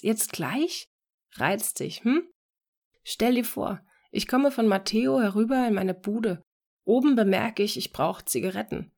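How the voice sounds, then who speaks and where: A woman voicing a restless young man talking on the phone, excitable and quick in bursts. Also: medium pitch.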